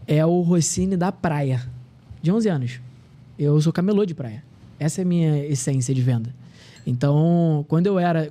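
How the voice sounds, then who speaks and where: A man's voice: on the high side, mellow. A man in his thirties, a podcast guest, telling earnest personal stories in casual conversation. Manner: earnest, storytelling, reflective.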